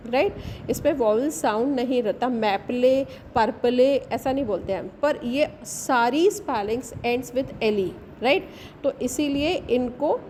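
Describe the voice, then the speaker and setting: A woman's voice: a little high, warm tone, slight background noise. A woman teacher, explaining a bilingual lesson step by step and often checking with "right?". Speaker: English teacher.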